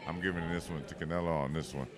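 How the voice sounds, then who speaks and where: Deep-voiced American boxing commentator. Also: male voice, steady tone, quick pace, crowd noise. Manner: enthusiastic, agreeable, repeats 'absolutely'. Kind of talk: live fight commentary.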